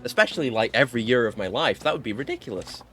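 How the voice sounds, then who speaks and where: A man's voice: medium pitch, animated, fast, fairly bright tone. A man giving casual playthrough commentary, reading game dialogue aloud and adding joking, sarcastic asides. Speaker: video game streamer. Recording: game music behind the voice.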